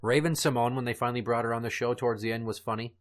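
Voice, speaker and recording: A man's voice: mid-range voice, steady tone, rapid-fire. A man hosting a comedy podcast, chatting casually and telling crude, morbid jokes. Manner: dark crude joking, storytelling. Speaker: podcast host.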